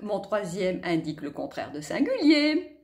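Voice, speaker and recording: A woman's voice: mid-range voice, wildly swooping pitch, normal speed. A woman voicing an eager young twin boy who trades riddles with his brother. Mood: riddling.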